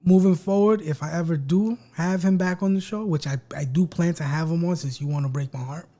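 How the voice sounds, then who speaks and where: A man hosting a casual podcast chat, joking and swearing, speaking softly into a close mic. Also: on the high side, a little fast. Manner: joking, profane, talks quietly and projects for the mic. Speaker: podcast host.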